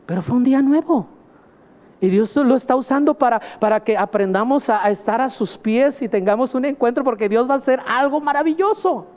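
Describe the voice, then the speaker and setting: A man's voice: very high-pitched, brisk, a little mellow, big-room sound. A man preaching a sermon, speaking emphatically and often addressing his listeners as brother. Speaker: pastor.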